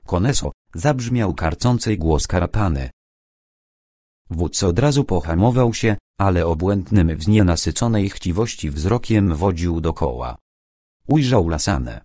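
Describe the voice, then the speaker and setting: A man reads an audiobook aloud in the first person, keeping a steady, measured storytelling pace. His voice sits very low. The sound is close and dry, with no room echo. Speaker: audiobook narrator.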